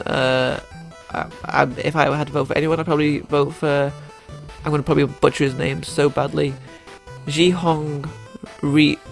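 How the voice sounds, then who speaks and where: Stuffed up from a cold, a young YouTuber talks through his gaming picks in a slightly high, gravelly voice, with faint music behind him. His commentary is casual and rambling, full of "uh" fillers and restarted sentences.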